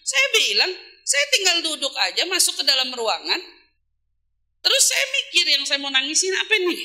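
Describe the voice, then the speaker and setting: Bright high-voiced woman preacher. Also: moderate pace. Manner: lively, asks rhetorical questions and answers them. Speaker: Islamic preacher. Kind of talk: casual religious talk to women.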